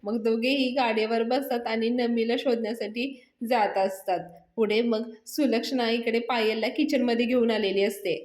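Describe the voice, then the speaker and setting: A woman recaps a television serial, telling the story with lively energy. Her voice sits fairly high. It carries a roomy echo. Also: normal speed. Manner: lively retelling, acting out the characters.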